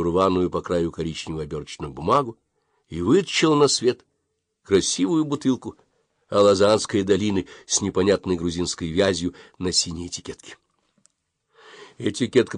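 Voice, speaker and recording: A man with a fairly low voice narrates a story for an audiobook. His reading moves lively up and down with the story. The recording is dry and close. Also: dry recording.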